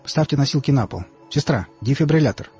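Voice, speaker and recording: A man reading an audiobook voices a middle-aged doctor who speaks calmly and matter-of-factly. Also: medium pitch, a little fast, lightly acted. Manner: calm, matter-of-fact. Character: calm, unflappable middle-aged male doctor. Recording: dull lo-fi audiobook, faint music.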